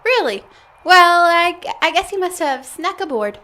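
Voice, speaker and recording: A voice actress plays a flustered, evasive female alien grad student in an audio comedy drama, a squeamish fibber who stammers and chuckles nervously. Her very high-pitched voice is bright, forceful and expressive at a moderate pace, and the delivery is heavily acted.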